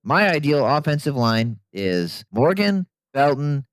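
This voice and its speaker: A man co-hosting a casual sports podcast, opinionated and animated, breaking down football players with the odd bit of sarcasm. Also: mid-range voice, unhurried, dry recording. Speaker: podcast co-host.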